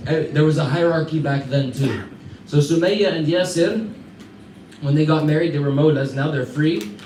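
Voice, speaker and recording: A man's voice: fairly high pitch, darkish tone. American man teaching in an echoey hall. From United States. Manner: conversational, quizzes listeners, chuckles through anecdotes. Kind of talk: storytelling lesson to a class. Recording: echoey room, mic far off, faint background hum.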